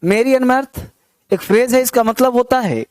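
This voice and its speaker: A man's voice: very high voice, a little slow, darkish tone, dry recording. A man teaching English vocabulary, repeating words with memory tricks and quizzing his listeners. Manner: repeats words with rhymes and memory tricks, asks the class questions. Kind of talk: vocabulary lesson.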